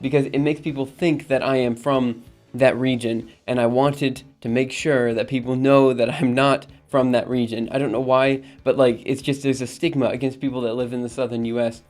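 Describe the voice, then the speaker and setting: A man from Alabama hosts a live stream, chatting casually, reading the chat aloud and answering it, and rambling with frequent ums and laughs. His mid-range voice is a little mellow and fairly flat at a moderate pace, with faint music behind him.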